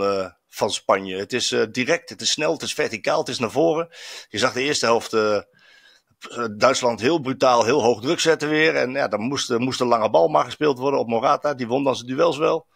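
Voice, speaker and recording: A man's voice: medium pitch, normal speed, gravelly, a bit bright, no room sound, clean studio sound. A man, a football journalist reporting from abroad, chatting reflectively with many fillers and restarts. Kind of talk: casual chat. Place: in Stuttgart, on location.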